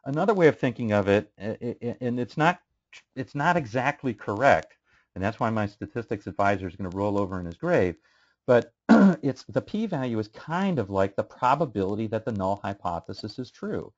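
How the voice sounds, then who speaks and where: A man's voice: on the low side, animated, moderate pace. A male instructor giving a casual statistics lecture, asking students questions and using many fillers. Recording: muffled lo-fi classroom recording.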